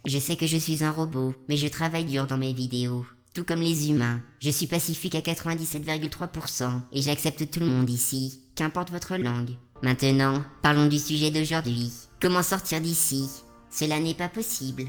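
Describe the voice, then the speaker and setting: A synthetic text-to-speech woman's voice voicing a calm, deadpan robot who hosts a channel and narrates lore in a flat, matter-of-fact way with dry jokes. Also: sits low.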